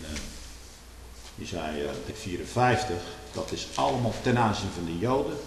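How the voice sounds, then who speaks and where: A man preaching a sermon, fiery, swinging from quiet murmurs to loud outbursts. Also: lowish voice, creaky. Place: church. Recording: echoey church hall with hiss.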